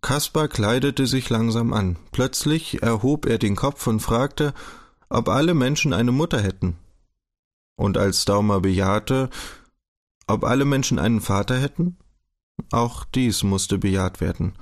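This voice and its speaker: A man reading a novel aloud as an audiobook narrator, telling the story in a measured, even way. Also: medium pitch.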